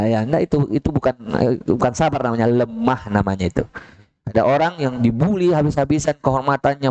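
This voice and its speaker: An emphatic male preacher giving a mosque lecture in a fairly high voice. His pitch climbs as he presses a point, and he peppers his talk with rhetorical questions and quoted Arabic sayings. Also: a little mellow, rough recording. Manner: quotes Arabic sayings and acts out short dialogues. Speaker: Islamic preacher. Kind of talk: mosque study-session lecture with Q&A.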